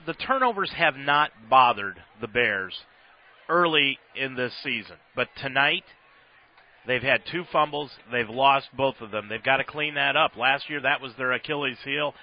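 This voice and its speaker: A man's voice: medium pitch, moderate pace. An American man hosting a football radio broadcast in a sportscaster's commentary style. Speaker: sports play-by-play host. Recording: slightly dull radio broadcast sound.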